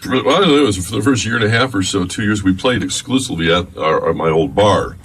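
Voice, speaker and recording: A man's voice: on the low side, fast talker. An older man who plays in a band, answering interview questions in a casual, chatty way. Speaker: band member, interview guest. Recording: distant mic, faint room noise.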